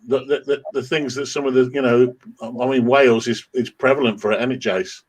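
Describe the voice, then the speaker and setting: A man's voice: medium pitch, steady tone, a little fast. A man, swearing and teasing his friends in casual banter on a video call. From English Midlands. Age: 50s. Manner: swearing, teasing, laughing a lot.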